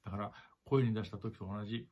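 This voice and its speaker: In this dull, lo-fi clip, a lowish-voiced man talks fast and in a steady tone while giving a clarinet lesson. He goes over his points more than once, speaks straight to the listener, and vocalizes rhythms to illustrate them.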